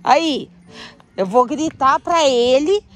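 A woman casually directing a prank in a home video, with quick, chatty instructions. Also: sits high, lively intonation, soft background music. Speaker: prank accomplice in a vlog. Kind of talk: casual vlog chat.

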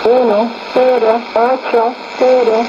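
A woman's voice reads out number groups in a flat, unvarying monotone, slow and measured. It comes through a dull, lo-fi shortwave radio broadcast. Loud static hisses behind her. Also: on the high side.

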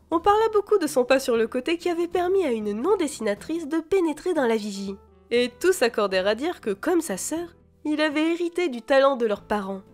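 A woman reading a fantasy novel aloud, expressive and shifting voices for the dialogue. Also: high-pitched. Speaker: audiobook reader.

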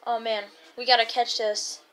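A woman giving casual gameplay commentary as a YouTuber, rambling and chatty with excited bursts. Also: fairly high pitch, moderate pace. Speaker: gaming YouTuber.

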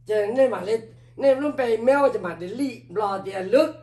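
An elderly Laotian storyteller reminisces at great length in an oral history, filling his speech with repeated stock phrases. He talks very slowly in a very high voice with a darkish tone. The mic is distant and the room gives a strong echo.

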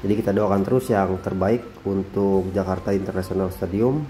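Man, deep voice, dark warm timbre, calm vlog narration, faint music underneath. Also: a little fast. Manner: calm, repeats phrases, frequent tag "ya". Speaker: drone vlogger. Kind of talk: voice-over narration of drone footage.

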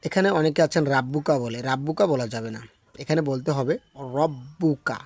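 A man teaching Quran recitation at an even middle pitch, patiently explaining each sound. He points out common pronunciation mistakes and sometimes slips into a slow, drawn-out chant to demonstrate. The recording is close and dry, with almost no room echo.

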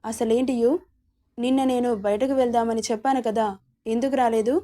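Spoiled jilted young woman, read by a woman, accusing, flat. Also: on the high side, normal speed, lightly acted. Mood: angry. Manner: accusing, complaining.

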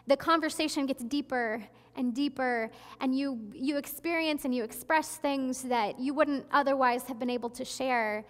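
Young female pastor, high voice, chatty earnest sermon, headset mic in a reverberant sanctuary. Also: a bit bright. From Florida. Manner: chatty and earnest, with frequent restarts and asides. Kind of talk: conversational sermon. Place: large church sanctuary, at a pulpit.

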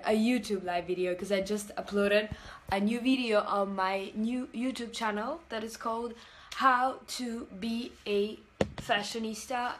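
A young adult woman with a mid-range voice hosts a casual livestream, chatty and heavy on fillers as she reads comments aloud from the floor of a hotel bathroom. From Italian-speaking Switzerland, she speaks Italian natively. Recorded on a phone held at arm's length while she talks to a mirror, the sound is echoey from the tiles, with slight background noise.

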